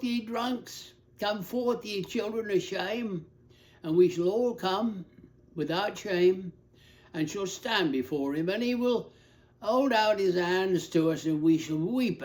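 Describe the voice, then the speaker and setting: A man voicing a drunken, befuddled old male derelict in a pub, speaking loudly in a Cockney accent. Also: high-pitched, pitched above the performer's own voice. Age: older. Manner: loud, befuddled, preaching to the bar.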